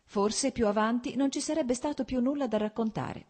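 Woman reading as a lively, graceful young noblewoman. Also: a little high, moderate pace, voice pushed up, close to an everyday voice. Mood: warm, playful. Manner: polite, lightly playful.

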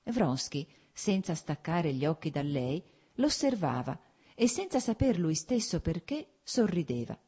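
A woman narrating a classic novel as an audiobook, in a measured, expressive reading. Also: low voice, breathy edge.

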